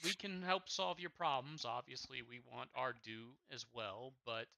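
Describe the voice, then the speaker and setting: A man's voice: mid-range voice, lively intonation, moderate pace, gravelly, sharp tone, no room sound, rough recording. A man playing a tabletop game, joking and haggling in character. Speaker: player. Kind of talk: tabletop role-play.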